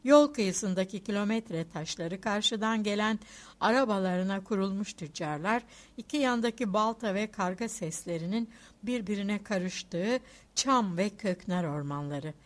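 A woman's voice: mid-range voice, a little slow. A woman narrating a literary novel as an audiobook, reading expressively. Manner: expressive, rising and falling with the story.

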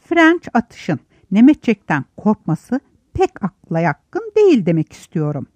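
A woman's voice: medium pitch, wildly swooping pitch, a little slow, a little mellow, dry recording, dull audio. A woman voicing a schoolboy who insists another boy is not telling the truth. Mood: insistent. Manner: insistent, then sweetly reasoning. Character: doubting boy, sharp and contradicting.

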